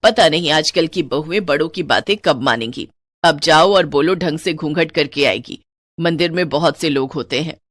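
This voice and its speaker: A woman's voice: low-pitched, normal speed, dry recording. A woman voicing a strict, old-fashioned older mother-in-law who scolds her daughter-in-law. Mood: stern. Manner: scolding, commanding.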